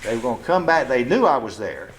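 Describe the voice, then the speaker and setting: A man's voice: medium pitch, sing-song, slight background noise. A man in his seventies being interviewed at home about his life, speaking plainly and bluntly with some cursing, often stopping and restarting with "uh". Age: 70s. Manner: halting, with frequent restarts and "uh"s. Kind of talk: casual oral-history interview. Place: living room of his home.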